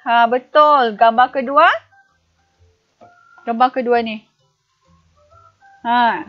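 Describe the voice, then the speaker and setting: A woman's voice: high voice, highs cut off. A woman primary school teacher giving a recorded online lesson, patiently asking the pupils questions and answering them herself.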